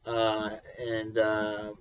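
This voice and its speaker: A man's voice: lowish voice, monotone, a little hiss or hum. A man telling a personal story casually, chuckling and restarting his sentences often. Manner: chuckling, halting, with many restarts. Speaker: vlogger. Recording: dull lo-fi recording.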